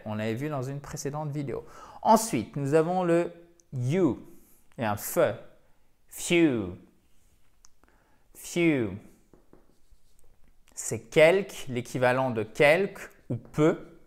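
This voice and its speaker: Man teaching English pronunciation. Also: mid-range voice. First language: French. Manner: explains step by step, repeats English words slowly. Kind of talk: phonetics lesson.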